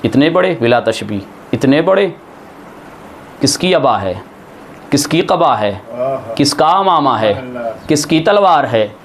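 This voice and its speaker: A man delivering a Muharram sermon as a religious scholar, reciting dramatically and acting out quoted speech with sudden high swells. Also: slight background noise.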